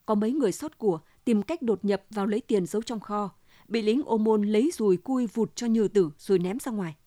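A woman reading a story aloud in a steady, measured way. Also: mid-range voice, dry recording, studio quality. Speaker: audiobook reader. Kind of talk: storytelling narration.

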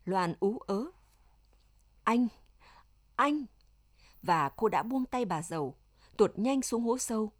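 A woman narrating an audiobook in a steady, measured way. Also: medium pitch.

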